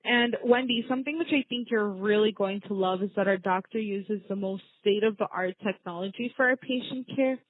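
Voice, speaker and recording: A receptionist at an orthodontic office handles a semi-scripted customer service call, sounding welcoming and positive. Her mid-range voice moves at normal speed with few pauses, and the narrow, tinny telephone line is dry, with no room sound.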